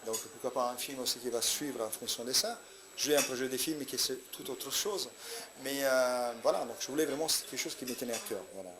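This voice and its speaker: A man's voice: medium pitch, fairly quick. A man with an Italian accent, a comedian answering interview questions in a hesitant way, with many fillers and restarts. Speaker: comedian guest. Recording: loud crowd chatter behind. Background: crowd chatter.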